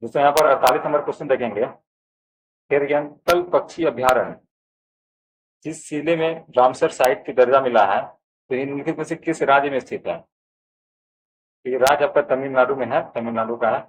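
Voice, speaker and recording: Addressing viewers as friends, a brisk, medium-pitched man with a Bihari Hindi accent explains an exam answer key option by option. His pace stays steady and explanatory, though the audio is poor.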